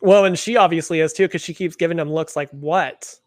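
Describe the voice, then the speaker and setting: A man's voice: on the high side, steady tone, fast, dry recording. Dry close-miked chatty man. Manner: chatty, lots of fillers, quoting others in little voices. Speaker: podcast co-host. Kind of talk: casual chat.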